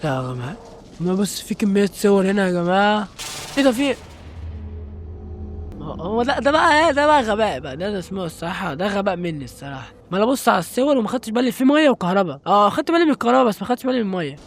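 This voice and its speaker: Over a little hiss or hum, a young man speaks very fast in a high, sing-song voice with an Egyptian Arabic accent. He's a gaming channel host doing jumpy let's-play commentary and calling out to viewers as he plays.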